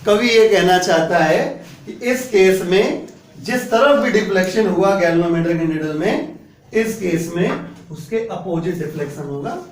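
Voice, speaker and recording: A man's voice: high-pitched, normal speed. A male physics teacher lecturing a class. He explains step by step, mixes in words, and keeps asking the students whether they follow. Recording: echoey room, voice a bit distant.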